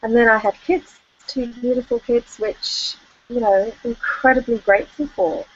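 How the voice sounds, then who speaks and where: A woman's voice: fairly high pitch, fairly even intonation, normal speed. A middle-aged woman, telling a personal story as a life coach on an online call, candid and chatty with plenty of fillers. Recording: dull lo-fi call audio.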